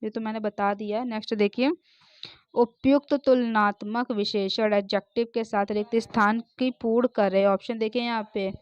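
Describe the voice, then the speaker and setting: A woman teacher going through multiple-choice exam questions, reading English sentences slowly and explaining answers. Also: fairly high pitch, steady tone, smooth, no echo. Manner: frequent "ok, next dekhiye" refrains. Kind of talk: exam-prep lesson, reading MCQ options and answers. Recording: dull, dry, lo-fi sound.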